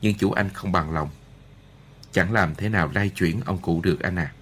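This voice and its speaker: A man voicing a gentle, kind noblewoman and mother in an audiobook, speaking softly. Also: low voice, normal speed, slight background noise, close to an everyday voice. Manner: soft, gentle.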